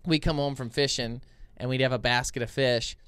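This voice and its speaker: A young man co-hosting a podcast, telling stories in a relaxed, animated way. He speaks into a boom mic in a small foam-lined studio. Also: brisk, clear, resonant tone, dry recording. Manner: animated, gestures with his hands while telling stories. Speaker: podcast co-host. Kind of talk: casual storytelling chat. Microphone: boom mic with headphones.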